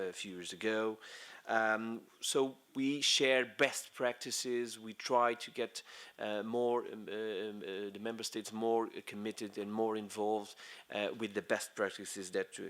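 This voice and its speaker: A middle-aged man from Portugal with a Portuguese accent, giving a conference speech in English, halting often with fillers and restarts. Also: fairly low pitch, fairly bright tone. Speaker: conference speaker.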